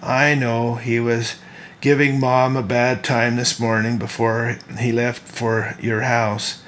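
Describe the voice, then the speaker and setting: A man voicing a lighthearted young woman who speaks softly, in a storybook reading. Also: medium pitch, flat delivery, takes it slowly, slight background noise. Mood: light. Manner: soft, lighthearted.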